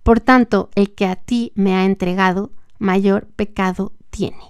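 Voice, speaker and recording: A woman reading aloud the measured words of a grave, calm man in a scripture reading. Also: mid-range voice, clear, resonant tone, no room sound, studio quality, lightly acted. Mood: solemn.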